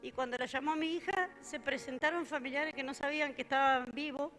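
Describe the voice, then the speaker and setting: A woman's voice: sits high, steady tone, brisk, fairly bright tone. An older woman with an Argentine accent giving a plain, hesitant testimony at a church service. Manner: plain, hesitant storytelling with fillers. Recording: faint music behind.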